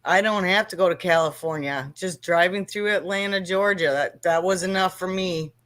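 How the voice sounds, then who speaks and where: Middle-aged woman, lowish voice, wry chat. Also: moderate pace, fairly bright tone. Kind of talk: casual chat.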